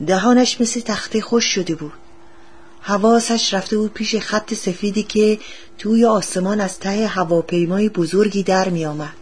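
Woman narrator, husky, calm storybook reading, middle pitch.

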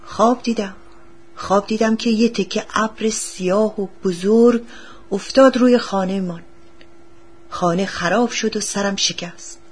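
A woman voicing a scared young boy who answers his father in haste, husky-toned, read as a storybook. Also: medium pitch, steady tone, close to an everyday voice. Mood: anxious. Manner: hasty, nervous. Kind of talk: storybook reading.

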